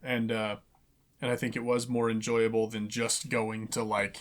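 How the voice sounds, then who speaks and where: A man's voice: fairly low pitch, completely flat delivery, moderate pace. A young man co-hosting a casual movie review chat, stammering and restarting as he talks, sometimes with his mouth full. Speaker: podcast co-host.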